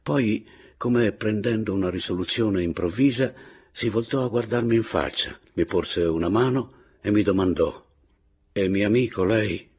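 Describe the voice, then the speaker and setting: A man reading a classic novel aloud in a measured, expressive narrating voice. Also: fairly low pitch, a little hiss or hum. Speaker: audiobook narrator. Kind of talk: literary audiobook narration.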